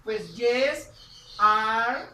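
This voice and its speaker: A woman teaching a grammar lesson, repeating each phrase slowly as she writes it out. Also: a little high, pushed and bright, distant mic, slight background noise. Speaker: English teacher. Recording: echoey room, voice from off-mic.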